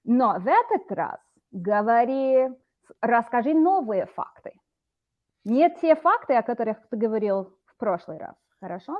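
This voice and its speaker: A woman's voice: a little high, lively intonation, a little slow, muffled recording. A woman tutoring a student over a video call, explaining words patiently. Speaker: Russian teacher. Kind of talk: online language lesson.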